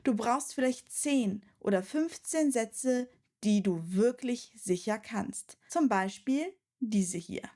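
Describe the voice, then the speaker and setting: A woman teaching a language lesson, her voice slightly higher than most. She talks very slowly and deliberately. Each example phrase comes out clear and careful. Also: expressive, mellow. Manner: slow, clear, deliberate delivery. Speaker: German teacher.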